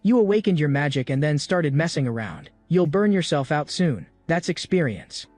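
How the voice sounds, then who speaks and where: A blunt young magic teacher lays down the rules flatly and without fuss, as a man reads him out. The voice is fairly high for a man and close to the mic, with nothing around it. Soft music sits underneath. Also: moderate pace, no room sound, natural voice. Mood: curt. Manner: curt, matter-of-fact.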